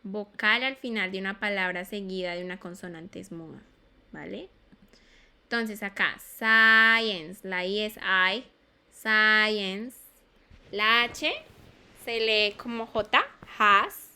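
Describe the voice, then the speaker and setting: A woman's voice: mid-range voice, steady tone, unhurried, bright, forceful tone, clear, resonant tone. A woman teaching an English class in Spanish, patiently repeating sounds and checking that students follow. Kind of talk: online class explanation.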